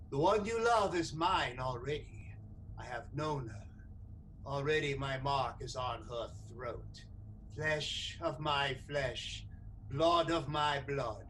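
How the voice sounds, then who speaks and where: Count Dracula, slow gloating vampire. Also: male voice, medium pitch, fairly bright tone, a little hiss or hum, rough recording. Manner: slow, taunting, deliberate. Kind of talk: radio play acting.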